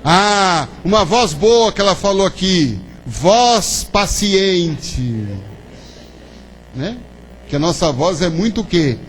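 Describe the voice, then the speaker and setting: Speaking slowly in an animated, high voice, a man presents a spiritist lecture in the hall of a spiritist center. He talks conversationally, firing questions at the audience and tacking on "né?". The recording is rough, with a faint hum behind the speech.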